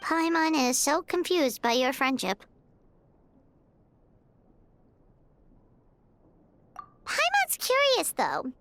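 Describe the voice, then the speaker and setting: Squeaky, chirpy little fairy sidekick. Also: female voice, wildly swooping pitch, unhurried, a bit bright, full character voice. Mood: curious, baffled. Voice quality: squeaky, childlike. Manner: refers to self in third person, exclamatory. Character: Paimon, tiny female floating fairy companion, childlike, chirpy, bossy, curious. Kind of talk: animated game voice acting.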